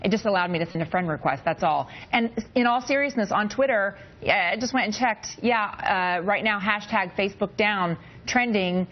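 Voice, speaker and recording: A woman's voice: medium pitch, moderate pace, hardly any pauses, highs cut off. American woman delivering live news. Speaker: newsreader.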